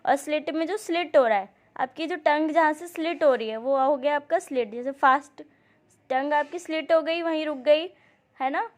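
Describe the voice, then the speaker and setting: A woman teaching an exam-prep lesson, explaining terms and often asking the class questions before she answers them. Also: high voice. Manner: explains with repeated checks and questions to students; reads English passages slowly and deliberately. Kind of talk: exam-prep coaching lecture.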